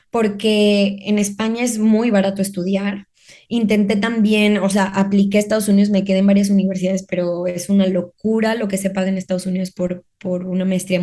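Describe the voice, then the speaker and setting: A woman's voice: mid-range voice, warm tone. A woman with a Mexican accent, a guest on a podcast, chatting casually about her life and acting out her own past remarks in quoted asides. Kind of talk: casual conversational storytelling.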